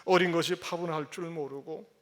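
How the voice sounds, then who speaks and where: A man's voice: on the high side, a little fast. A male pastor preaching a Sunday sermon, addressing the congregation directly and reading a story aloud. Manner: animated, teasing the congregation, reads a story aloud.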